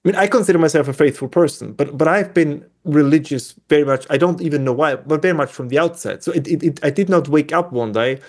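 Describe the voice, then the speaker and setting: Talking fast with few pauses, a man with a fairly high voice and an Austrian German accent takes part in a discussion as a guest. He speaks thoughtfully, frequently starting phrases over while searching for the right word.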